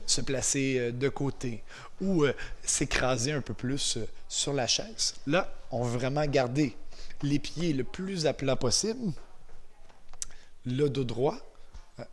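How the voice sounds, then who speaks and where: Male Québécois martial arts instructor, mid-pitched, slow and cheerful coaching. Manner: encouraging, counts moves aloud, shouts kiai. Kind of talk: guided exercise class for viewers.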